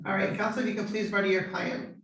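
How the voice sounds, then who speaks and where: A woman judge conducting formal court proceedings in measured, procedural questions, heard on a courtroom recording. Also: medium pitch, steady tone. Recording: roomy courtroom audio from a distant mic.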